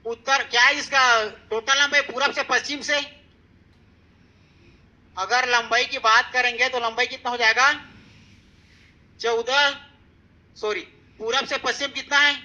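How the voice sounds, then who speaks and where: A man's voice: extremely high pitch, fairly even intonation, unhurried, long pauses, pushed and bright, dull audio. A male teacher giving an exam-prep classroom lecture. He repeats key points and keeps asking his students questions, checking with "theek hai".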